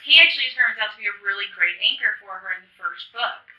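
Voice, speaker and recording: A woman author chats about her books at a convention, her voice very bright. She explains things eagerly and at a quick clip. The echoey hall rings around her. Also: medium pitch, expressive, far from the mic. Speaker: author guest. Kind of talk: casual interview chat. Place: convention venue.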